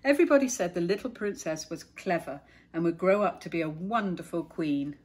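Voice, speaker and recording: A woman's voice: lowish voice, animated, breathy edge. A middle-aged woman reading a children's picture book aloud and chatting about the pictures between pages. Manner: gentle, chatty, pauses to point out pictures.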